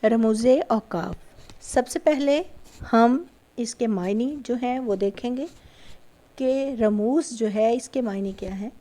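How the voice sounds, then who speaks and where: Woman teacher, warm dark tone, recorded lecture, patient, repetitive. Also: fairly high pitch. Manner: patient, repeats key points, frequent check-ins. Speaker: school teacher.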